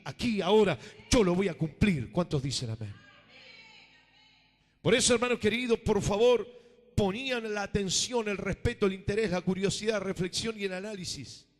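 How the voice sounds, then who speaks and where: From the pulpit of a church sanctuary, a high-voiced pastor preaches fervently, swinging from loud, pushed-out lines to a near hush. He keeps calling for an amen, and a long church-hall reverb trails his voice.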